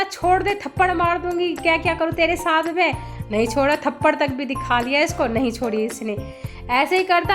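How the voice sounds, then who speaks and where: A woman's voice: high-pitched, a bit bright. A middle-aged woman chatting at home in a casual vlog, fondly scolding her dog as she talks. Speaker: vlogger and mother. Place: home indoors.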